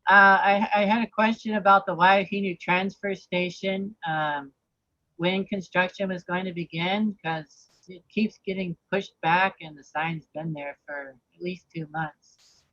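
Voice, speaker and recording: Guy sounding muffled like thru a wall on a video call, high bright voice, dry. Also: steady tone, measured pace, no room sound. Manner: plain, direct questions. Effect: muffled and distant, as if through a wall. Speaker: commission member asking about his district. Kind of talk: public meeting over video call. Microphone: computer mic on a video call.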